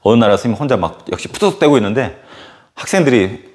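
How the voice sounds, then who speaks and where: Male teacher telling a funny story in a lesson video, super animated, voice bouncing all over. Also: medium pitch, fast talker. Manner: animated storytelling full of filler words and sudden acted outbursts. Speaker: middle-school history teacher. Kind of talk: casual anecdote in a recorded lecture.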